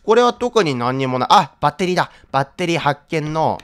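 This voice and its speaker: Male horror game streamer, high and very animated, scares easily and cries out, repetitive excited phrasing. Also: quick pace, clean tone. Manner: easily scared, crying out in loud screams; repeats short phrases over and over. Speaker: gaming video host. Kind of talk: excited horror game play-along commentary.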